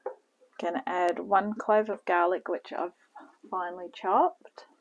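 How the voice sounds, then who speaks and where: A woman giving a relaxed, step-by-step cooking demonstration in her home kitchen, talking toward a camera on the counter. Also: lowish voice, muffled recording. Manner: slow, relaxed step-by-step instructions with frequent "okay". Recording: noisy home video with kitchen clatter.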